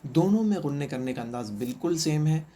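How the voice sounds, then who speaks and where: A man's voice: fairly high pitch, expressive, mellow, a little hiss or hum. A man teaching Quran reading in a recorded online lesson, patiently asking questions and answering them himself, and repeating each sound three times.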